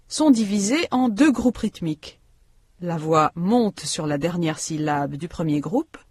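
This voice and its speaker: Calm woman narrating a pronunciation lesson. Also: on the low side, breathy edge, no room sound, clean studio sound. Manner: calm, explanatory teacher delivery. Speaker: language-course narrator. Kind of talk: scripted instructional narration.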